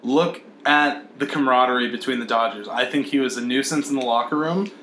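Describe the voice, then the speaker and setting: A man's voice: mid-range voice, a little fast, sharp tone, echoey room, slight background noise. A man co-hosting a podcast in casual sports chat, blunt, opinionated and profane. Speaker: podcast co-host.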